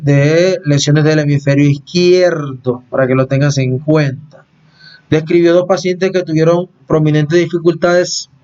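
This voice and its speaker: Brief: male lecturer, slightly high voice, patient and repetitive, dull lo-fi recording. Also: darkish tone. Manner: explains patiently, repeats phrases and checks in with "¿no?".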